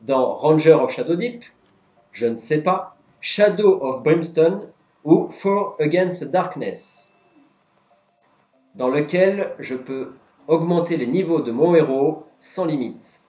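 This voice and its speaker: A slightly high-voiced man hosts a live board game quiz, reading each question and patiently explaining the answers. The sound is roomy and a little dull and lo-fi, with faint music underneath. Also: expressive, takes it slowly, dark tone. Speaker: quiz host. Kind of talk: live-stream quiz hosting.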